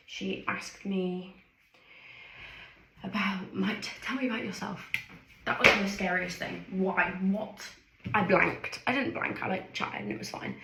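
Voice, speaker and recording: A young woman from England chatting excitedly in a casual video diary, rambling with lots of fillers and restarts. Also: medium pitch, a little hiss or hum, low-quality recording. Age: young adult. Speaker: vlogger.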